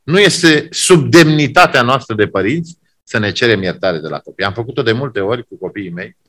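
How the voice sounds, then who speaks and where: Preaching a sermon in an expressive, medium-pitched voice, a man alternates between loud exclamations and quiet emphasis, driving home key phrases through repetition.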